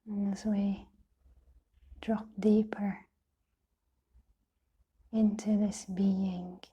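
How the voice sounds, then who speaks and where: Leading a meditation, a female teacher speaks in a very dark, mellow, soft half-whisper. She goes slowly with almost no pitch change, offering gentle, soothing phrases broken up by long pauses, and the recording is slightly rough and muffled.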